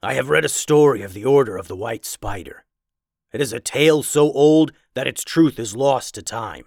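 A towering male werewolf who keeps books, measured and lecturing, speaking a bit louder than the narration. A man plays him. Dry, close reading. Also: medium pitch, vocal fry, no room sound.

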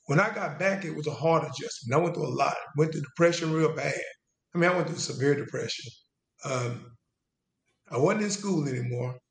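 A man in his forties tells his story as a guest, drawing out his words and circling back on himself with restarts. His voice sits a little high for a man. The room around him sounds echoey. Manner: casual Southern US speech, drawn-out and halting with restarts. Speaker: interview guest, veteran. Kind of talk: conversational storytelling. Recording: roomy echo.

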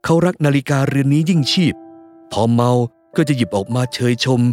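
A man narrating a first-person novel as an audiobook, telling it in a lively, expressive way. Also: medium pitch, brisk, faint music behind.

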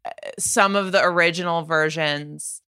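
A woman co-hosting a music podcast, talking eagerly in a chatty way and restarting her sentences often. Her voice is bright and forward. The sound is dry and close, with no room behind it. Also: fairly low pitch, measured pace, clear, resonant tone, no room sound. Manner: animated, chatty, with many restarts and fillers. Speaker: podcast co-host. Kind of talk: casual music discussion.

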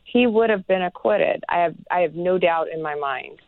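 A woman's voice: lowish voice, no echo. Earnest woman professor on a phone line. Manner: earnest, measured, many "you know" fillers. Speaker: guest, neuroscience professor. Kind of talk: interview answers.

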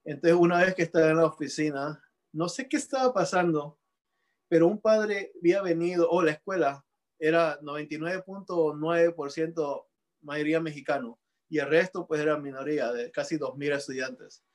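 A man from Peru, a painter, recounts his own past in a reflective interview. His voice sits a little high for a man. He drops English words into his sentences and often circles back to restart them. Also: moderate pace. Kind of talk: reflective personal storytelling.

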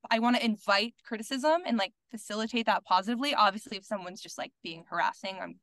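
A woman's voice: medium pitch, quick pace, fairly bright tone, dry recording. A woman guest on a podcast, talking candidly and outspokenly in casual conversation, peppered with "like" and the odd swear word. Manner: filler-heavy with many "like"s. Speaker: podcast guest, content creator.

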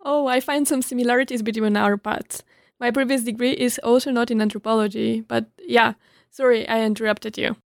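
A woman's voice: fairly high pitch, fairly even intonation, brisk, gravelly, dry recording. Polite woman host, dry close sound. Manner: polite, formal. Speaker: interview host, anthropologist. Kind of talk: scripted interview questions.

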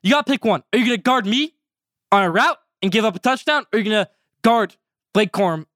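A fifteen-year-old boy hosting his own sports podcast, talking energetically and stretching out segment names when excited. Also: sits high, fast, no echo, clean studio sound. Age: teens. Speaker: podcast host. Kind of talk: solo sports podcast commentary.

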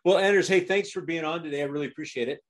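A man's voice: fairly high pitch, racing. A man hosting a podcast interview, enthusiastic and full of uhs as he talks. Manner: enthusiastic, filler-heavy with many uhs. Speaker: podcast host. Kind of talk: casual interview.

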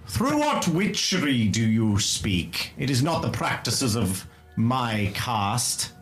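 Scornful sorcerer-scholar warrior, played by a man, pompous tabletop role-play, mid-pitched, sweeping intonation, slow delivery. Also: big pitch swings, soft background music. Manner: pompous, theatrical, disdainful.

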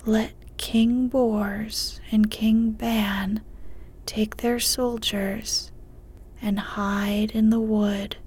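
A woman voicing a wise old male wizard, speaking in a slow, hushed whisper. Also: medium pitch, flat delivery, breathy edge. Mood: calm counsel.

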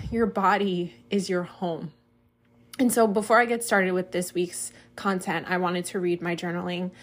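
A woman hosting a solo podcast as a life coach, talking in an earnest, heartfelt, chatty way and sometimes reading her own writing slowly and with feeling. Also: lowish voice. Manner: chatty, friendly storytelling.

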